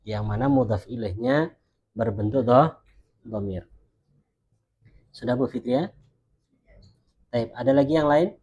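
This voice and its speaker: Husky guy teaching arabic grammar in an online class, slows right down for the examples. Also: medium pitch, a little mellow, muffled recording. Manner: explains patiently, models Arabic phrases slowly.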